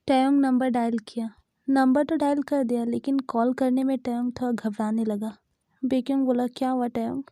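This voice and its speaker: ऊँची आवाज़ वाली कहानी सुनाती महिला. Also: female voice, sits high, steady tone, normal speed, warm tone, dry recording, clean studio sound. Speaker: storyteller. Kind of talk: Hindi fan-fiction narration.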